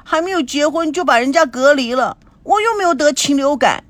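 Woman reading as a spoiled, excitable teen girl in a storybook, high, whiny, jumpy delivery; dry close sound. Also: no echo. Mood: pouting. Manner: whiny, pouty, rapid questions.

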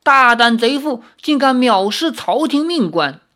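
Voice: mid-range voice, expressive, normal speed, sharp tone. A reader voicing a pompous, blustering male magistrate who barks indignant orders from the bench. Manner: barking, indignant.

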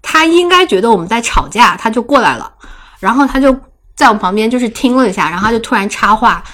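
A young woman co-hosting a casual chat show, telling a story with lively energy and frequent laughter. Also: a little high, fast. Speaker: podcast co-host.

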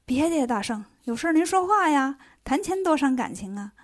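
A woman's voice: high-pitched, very animated, moderate pace. A woman voicing timid male earth spirits who talk in a fawning, placating way. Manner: obsequious, placating.

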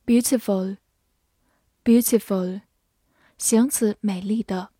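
Very slow, mellow woman reading vocabulary. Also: medium pitch, fairly even intonation, no echo, clean studio sound. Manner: says each word twice, then reads its meanings, measured and clear. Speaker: English teacher. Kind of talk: vocabulary drill.

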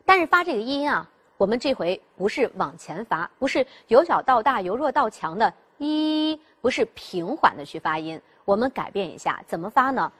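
A woman's voice: mid-range voice, very animated, fairly quick, hardly any pauses, fairly bright tone, husky. A woman teaching pronunciation in a classroom style. She explains step by step, asks the class rhetorical questions and demonstrates the sounds herself. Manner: demonstrates sounds by voicing them. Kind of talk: classroom instruction.

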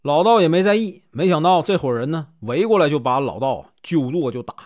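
A man from Northeast China telling a folk tale as a casual storyteller, lively and animated. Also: on the high side, brisk, no echo, clean studio sound.

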